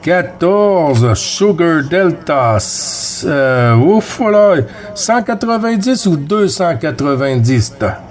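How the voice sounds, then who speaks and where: Over background noise, a Québécois man working a CB radio trades callsigns warmly and casually, greeting people as "friend." He speaks slowly in a high-ish, very animated voice.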